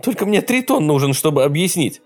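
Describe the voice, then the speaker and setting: A man's voice: fairly high pitch, sing-song, brisk, a little mellow, faint music behind, voice pushed up. A man voicing a frightened young man caught in a woman's disguise, pleading shrilly and squealing. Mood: shrill pleading.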